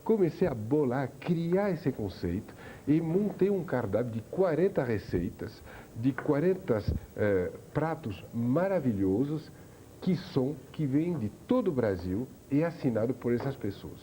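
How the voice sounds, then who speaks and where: A man's voice: mid-range voice, sing-song, unhurried, warm tone, a little hiss or hum. A man from France, a chef guest on a TV talk show, telling his story with enthusiasm. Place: TV studio.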